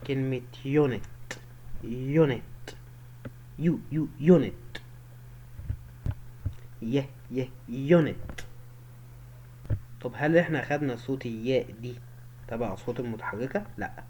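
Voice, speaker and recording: A man's voice: medium pitch, warm tone. A man with an Egyptian Arabic accent teaching English pronunciation, drilling each word and sound over and over. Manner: drills words slowly, repeating each sound many times. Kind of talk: pronunciation lesson. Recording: slightly dull with faint background noise.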